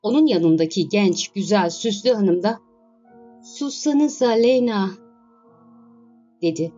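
A woman's voice: lowish voice, moderate pace, dark tone, husky. Woman narrating a novel, lo-fi recording. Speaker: audiobook narrator. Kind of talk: scripted narration of a classic novel. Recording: dull lo-fi recording with faint music.

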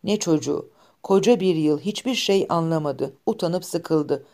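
Give me a talkative old peasant haymaker, read by a woman in a low, mellow, quiet voice for a storybook. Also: normal speed. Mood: fond. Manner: friendly, homely chatter.

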